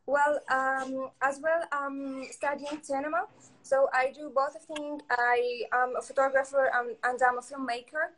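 A young woman from Tunisia speaks English with a Tunisian accent, her high voice hesitant and full of pauses and fillers. She answers questions as a guest in a live online interview. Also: little pitch movement, a bit bright, poor audio. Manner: halting non-native English with many fillers. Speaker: guest photographer.

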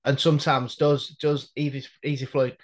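Halting, reflective British man in conversation. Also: medium pitch, level tone. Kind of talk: casual conversation.

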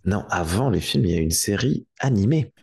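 Deep gravelly man explaining. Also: expressive, a little fast, a little mellow. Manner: explanatory, with frequent restarts. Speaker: podcast guest. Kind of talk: casual chat.

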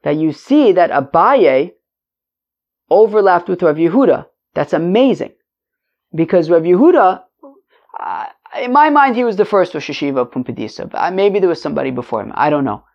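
In a dull, lo-fi recording, a man with a high, creaky voice gives an informal Talmud lesson at normal speed. He reads and translates conversationally, very animated, rephrasing points and posing rhetorical questions.

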